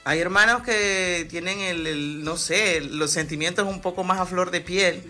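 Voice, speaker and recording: A woman's voice: lowish voice, unhurried, pushed and bright, soft background music. A woman pastor patiently explaining faith with everyday examples in a Bible study conversation.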